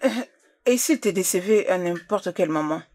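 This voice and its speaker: A woman's voice: fairly low pitch, animated, normal speed, darkish tone, no room sound. An actress dubbing a stern, confrontational young woman in a drama, speaking insistently. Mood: cold. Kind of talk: dubbed drama dialogue.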